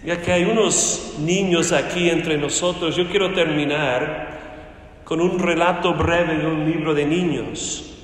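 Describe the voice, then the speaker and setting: Male pastor with a higher voice, slow emphatic sermon, echoey church hall with faint noise. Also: steady tone. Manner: slow, emphatic preaching with rhetorical questions.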